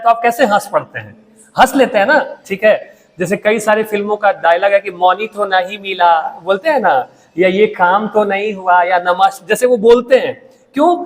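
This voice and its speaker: A man gives a classroom lecture in a high voice, pausing often to check that students follow. His voice carries a long reverb, like a hall. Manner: explains slowly with pauses, often adds "theek hai". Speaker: Hindi teacher.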